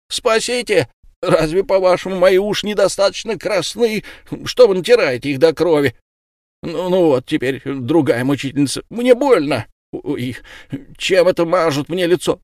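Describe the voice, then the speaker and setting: A man's voice: a little high, no room sound, studio quality, close to an everyday voice. A man voicing a plump, timid middle-aged man who pleads and whines in a raised, plaintive voice. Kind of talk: audiobook reading.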